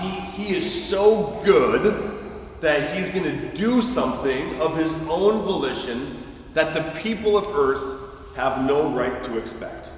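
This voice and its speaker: Slow emphatic man preaching in echoey hall. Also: fairly high pitch, far from the mic, a little hiss or hum. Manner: emphatic, repeats key phrases for weight. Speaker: pastor. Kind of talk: sermon. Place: church sanctuary.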